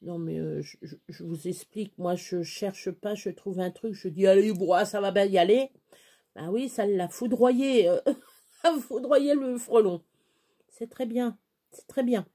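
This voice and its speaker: A woman's voice: mid-range voice, a little slow, dark tone, breathy edge. A middle-aged woman chatting to her viewers in a rambling, hesitant way, often restarting her sentences. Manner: chatty, hesitant, many restarts and fillers, baby talk to her dog. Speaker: vlogger. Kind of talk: rambling casual chat to camera.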